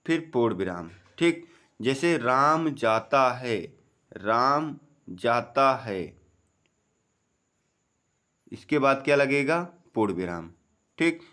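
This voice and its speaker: Man, teacher, exam-prep grammar lesson, slow explanations, answers his own questions, voice dips low on answers. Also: fairly bright tone. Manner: keeps saying "ok" and "friends"; drops low on the answer words.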